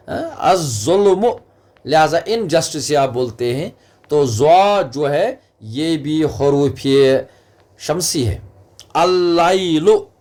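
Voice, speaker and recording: Slow, deliberate male teacher drilling words. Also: fairly high pitch. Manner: slow, repeats each word for drilling. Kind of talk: Arabic phonetics lecture.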